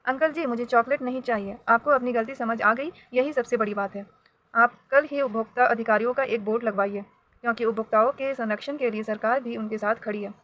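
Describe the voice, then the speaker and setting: A woman voicing a clever, outspoken young girl in a read-aloud storybook, speaking firmly and loudly. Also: a little high, a little fast, a little hiss or hum, natural voice.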